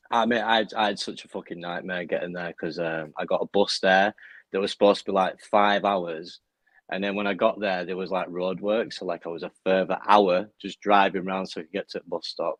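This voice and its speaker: A man's voice: deep voice, steady tone, moderate pace, a bit bright, no room sound. A young man with a strong Bradford accent chatting casually in laddish, sweary slang as an interview guest. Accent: strong Bradford, West Yorkshire English. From Bradford, northern England. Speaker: interview guest, music performer. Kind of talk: casual chat, telling stories.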